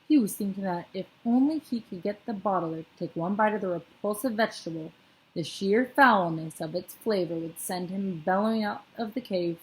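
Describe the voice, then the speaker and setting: A woman's voice: medium pitch, normal speed, rough recording. Woman reading a storybook aloud. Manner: steady reading with small slips. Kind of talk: reading a children's book aloud.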